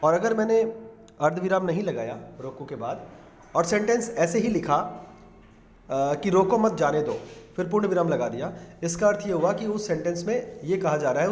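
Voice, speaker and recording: Male teacher, fairly high voice, patient grammar explainer, echoey room with faint hiss. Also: a little mellow. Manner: explains patiently in Hindi mixed with English, reads English lines slowly. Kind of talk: classroom grammar lesson.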